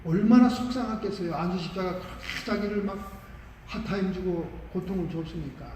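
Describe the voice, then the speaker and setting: A male pastor with a high voice preaching in a large sanctuary. He tells stories with animated, emphatic delivery. The sound is picked up from a distance and rings with long reverb. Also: a little fast, background noise. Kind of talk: sermon. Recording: echoey church hall from far off.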